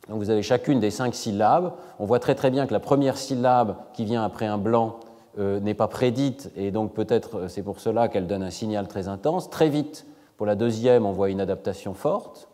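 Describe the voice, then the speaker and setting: A middle-aged man giving an academic lecture in a measured way, hesitating often with fillers. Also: lowish voice, dark tone, in a large hall. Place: large lecture hall.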